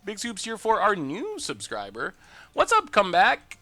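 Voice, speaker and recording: A high-pitched man with wildly swooping pitch talks at a normal speed in a bright, forceful tone. As a live streamer, he narrates his card-game plays and chats cheerfully, answering viewers' messages. There's no echo.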